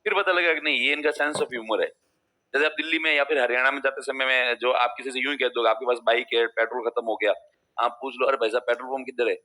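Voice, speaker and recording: A man gives a classroom lecture in a bright, forward voice. He talks in a loose, chatty way, drifts into personal stories and acts out regional speech. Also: mid-range voice, fairly even intonation, quick pace. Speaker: teacher.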